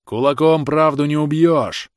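A defiant peasant man hurling slow, heavy accusations in a raised voice, as a male narrator voices him. Every word sounds forceful and close, with a dry sound and no room echo. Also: mid-range voice, natural voice.

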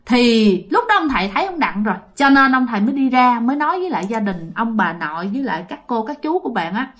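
A woman with a Southern Vietnamese accent tells a ghost story in a lively way, speaking directly to her listeners. Her voice is a little high and fast.

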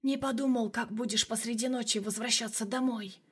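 A woman voicing a snide shadow, the narrator's second self, in a hushed, mocking audiobook voice. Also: fairly high pitch, steady tone, unhurried, husky.

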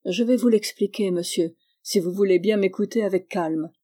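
A woman reading the part of a calm, grave older doctor who speaks softly and measuredly. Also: mid-range voice, moderate pace, close to an everyday voice.

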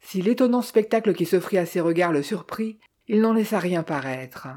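An audiobook narrator reading a detective novel in a measured, steady way. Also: medium pitch.

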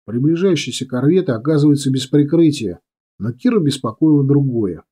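A man reading a military adventure novel aloud as narrator, telling it dramatically and slowing on key lines. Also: mid-range voice, expressive, warm tone, husky. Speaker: audiobook narrator. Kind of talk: scripted narration.

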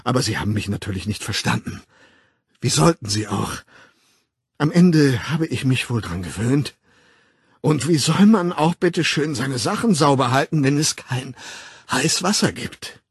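A man reading an audiobook voices a distraught, tearful middle-aged woman who pleads, whines and breaks into husky whispers. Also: mid-range voice, animated, a little slow, no echo, clean studio sound, full character voice. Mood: pleading, tearful.

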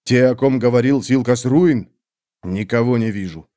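A man's voice: mid-range voice, moderate pace, mellow, lightly acted. A man reading an audiobook, voicing a blunt, weary male warrior in his own plain voice. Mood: wry.

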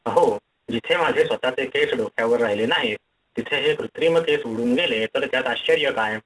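A man's voice: mid-range voice, normal speed, fairly bright tone, distant mic, close to an everyday voice, rough recording. A man reading the lines of a bald old horseman who jokes about himself good-humoredly. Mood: amused.

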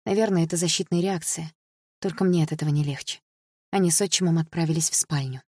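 A woman reads a first-person audiobook in a low, husky voice. Her delivery is even and subdued, and the recording is dry and close, with no room sound at all. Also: fast, no echo. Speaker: audiobook reader.

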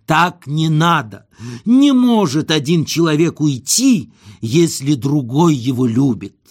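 A pompous, self-pitying husband, voiced by a male audiobook reader, wails his lines in a slow, nasal drawl. Each overwrought plea is dragged out and declaimed like tragic verse, riding a raised pitch that swoops up and down. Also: lively intonation. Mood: indignant. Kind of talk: comic audiobook reading.

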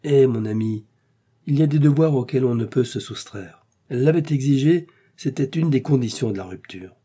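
A man voicing a sulky, vain gentleman in an audiobook, irritable and peevish. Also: medium pitch, lively intonation, normal speed, husky. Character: sulky, vain gentleman host, easily bored. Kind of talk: audiobook character reading.

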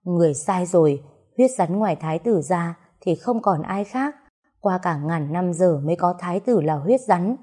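A woman's voice: lowish voice, expressive, normal speed, mellow, husky. A woman voicing a commanding, ruthless noblewoman of a snake clan, mother of its prince.

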